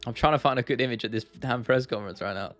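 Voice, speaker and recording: A man's voice: mid-range voice, quick pace, a bit bright. A man hosting a casual livestream, chatting informally and laddishly with viewers and repeating phrases for emphasis. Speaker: livestream host. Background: faint music, keyboard clicking.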